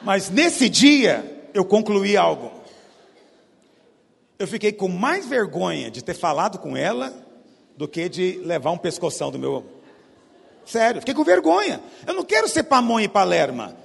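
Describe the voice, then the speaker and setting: A man preaching a sermon with a Goiás Brazilian accent, his voice gravelly and a little husky. He swings between loud emphatic bursts and low hushed asides, with a pitch that leaps and falls. His voice carries a long reverb from a large hall. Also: very animated, measured pace, long pauses. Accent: Goiás Brazilian Portuguese.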